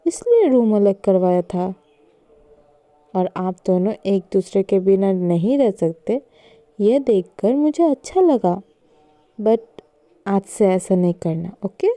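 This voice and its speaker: A woman's voice: medium pitch, expressive, slow pace, long pauses, mellow, dry recording. A woman voicing a stern but loving grandmother in a storybook reading, scolding her granddaughters. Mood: gentle. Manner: scolding, then soothing.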